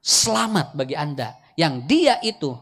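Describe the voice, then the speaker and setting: A man with a Sundanese accent preaching a humorous Islamic sermon, swinging between loud, high emphasis and quiet asides, often chuckling. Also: big pitch swings, a little slow.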